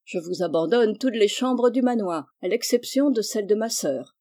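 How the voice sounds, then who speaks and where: A reader voicing a warm, generous elderly maiden aunt who fusses kindly over her family. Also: medium pitch, expressive, moderate pace, lightly acted.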